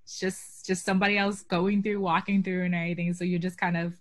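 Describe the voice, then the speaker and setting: A woman's voice: lowish voice, little pitch movement, fast, no room sound. A young woman from Boston, a guest on a video call interview, talking casually with lots of "um" and "like". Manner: chatty, many fillers like "um" and "like". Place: small room at home. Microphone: video call webcam.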